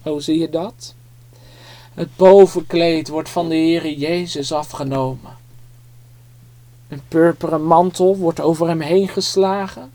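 A storyteller telling a Bible story to small children, drawing them in with dramatic, vivid telling. The pace is slow and deliberate. The sound is close and completely dry. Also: medium pitch, fairly even intonation, mellow, no echo.

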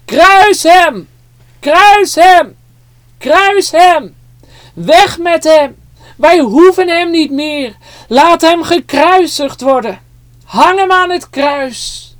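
A storyteller voicing an angry crowd that shouts for a crucifixion, in a children's Bible story. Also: extremely high pitch, expressive, very slow, no room sound, voice pushed up, heavily acted. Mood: furious. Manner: shouting, chanting.

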